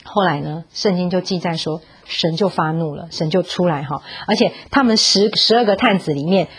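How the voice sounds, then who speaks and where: A woman's voice: moderate pace, slightly rough. A woman giving a parenting talk, telling a Bible story and coaxing the audience with questions, slipping in English words. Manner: acts out quoted voices with rising pitch. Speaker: parenting speaker.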